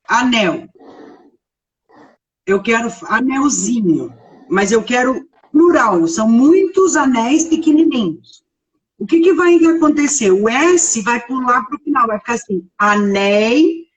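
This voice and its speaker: A woman's voice: on the high side, far from the mic, rough recording. A woman teaching grammar in a live online lesson, explaining step by step and checking in with her listeners often. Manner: explanatory, frequent checking tags.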